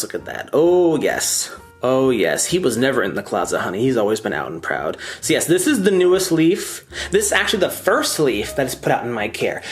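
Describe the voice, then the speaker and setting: A campy, chatty man showing off his houseplants in a casual vlog, his pitch swooping up and down as he gushes. He jumps from soft murmurs to sudden excited outbursts. Faint music plays quietly in the background. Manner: gushing over details, sudden loud bursts of excitement. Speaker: plant collector vlogger. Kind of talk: casual show-and-tell vlog.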